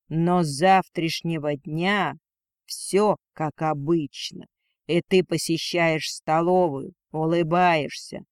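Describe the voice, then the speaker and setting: A man voicing a cruel male dragon lord, cold and domineering, who speaks in a slow, contemptuous growl. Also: on the high side, clean tone, no echo, studio quality. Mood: coldly cunning.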